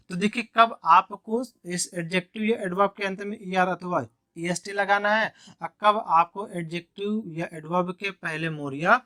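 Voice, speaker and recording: A man's voice: sits high, pushed and bright, no echo, clean studio sound. A male teacher explaining an English grammar lesson in Hindi, step by step, with frequent repetition of key points.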